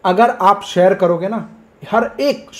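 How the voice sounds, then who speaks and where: A man's voice: high-pitched, slow. Casting: male trading-channel host, hyped and emphatic, mixes English, pleads with viewers. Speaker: stock market trading educator. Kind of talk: energetic market commentary to camera.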